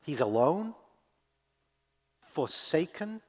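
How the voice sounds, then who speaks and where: A male pastor giving a sermon. He speaks slowly and deliberately, dropping to a hush and then rising to loud, impassioned cries. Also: on the high side, very animated. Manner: dramatic swings from hushed to loud crying out; slow, deliberate delivery with long pauses. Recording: long hall reverb.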